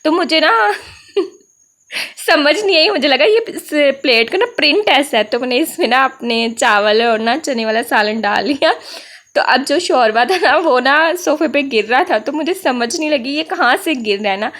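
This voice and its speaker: High-voiced chatty Pakistani woman. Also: expressive, normal speed, fairly bright tone. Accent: Pakistani Urdu with Punjabi touches. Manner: chatty storytelling, peppered with "na", often laughing. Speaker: vlogger. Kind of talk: voice-over vlog narration. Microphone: voice-over mic.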